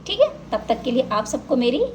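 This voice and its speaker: A woman teaching a lesson, drawing out each syllable in slow drills. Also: fairly high pitch, very animated, a little hiss or hum.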